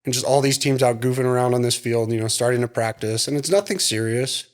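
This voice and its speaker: A man co-hosting a podcast, telling a long story in a rambling, animated way and acting out the dialogue. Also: mid-range voice, fast. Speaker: podcast co-host. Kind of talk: casual storytelling chat.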